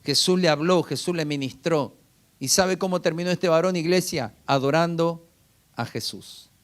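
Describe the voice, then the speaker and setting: A man's voice: on the high side, moderate pace. A man preaching a sermon as pastor, often calling out to the congregation with rhetorical questions.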